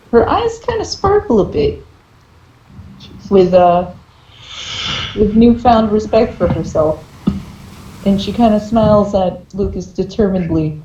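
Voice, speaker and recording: A woman's voice: medium pitch, warm tone. A woman playing a tabletop game and narrating her character in an earnest, hesitant way, in a dull, echoey recording with background noise. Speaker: player.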